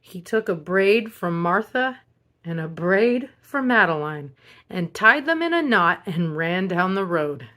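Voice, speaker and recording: A woman reading a picture book aloud as a storyteller, in an expressive children's narration style. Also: fairly low pitch, unhurried. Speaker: storybook reader.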